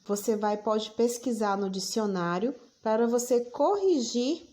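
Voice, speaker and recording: A woman teacher, giving a recorded lesson for children and dictating words slowly, repeating each one. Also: fairly high pitch, lively intonation, warm tone.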